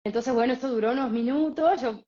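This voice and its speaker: Woman, chatty and lively, laughs a lot, kinda dull lo-fi sound. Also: high voice, fast. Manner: animated, laughs often, many fillers. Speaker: podcast co-host. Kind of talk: casual spiritual storytelling chat.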